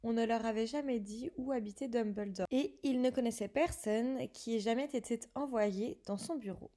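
A woman's voice: a little high, moderate pace, mellow. A woman reading a novel aloud in an unpolished way, correcting herself as she goes. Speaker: reader.

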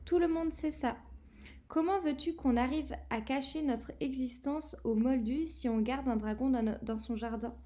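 A chatty, excitable boy wizard, as a woman reads his lines, pitched high and emphatic, with a mellow tone. Storybook reading with light character voicing. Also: moderate pace, lightly acted. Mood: boyish. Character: boy wizard student, eager and talkative.

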